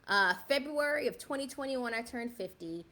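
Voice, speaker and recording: Here a fifties-aged livestream host from the South Bronx, New York, talks in a slightly high, lively voice that moves fairly quickly and sounds pushed and bright. She's chatty and casual, addressing her viewers directly and repeatedly asking them "right?"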